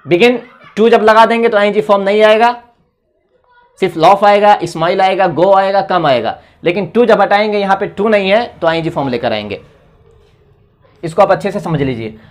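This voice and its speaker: This Indian man's voice sits high as he teaches English grammar aloud. Reading example sentences at a slow pace, he translates every one before closing with words of encouragement.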